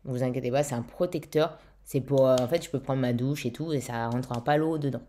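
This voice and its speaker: A young woman talks casually to her viewers in a very low, dark, mellow voice. She chats loosely, swears now and then and fills gaps with lots of "euh". Her throat is still a touch weak. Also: fairly quick. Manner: chatty, swears casually, many fillers. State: throat slightly weak after intubation. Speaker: vlogger. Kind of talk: casual vlog chat.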